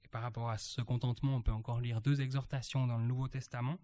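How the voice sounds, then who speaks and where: A man at a church meeting reading Bible verses aloud and reflecting on them, halting and searching for words. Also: medium pitch, level tone, mellow. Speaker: church member sharing a reflection.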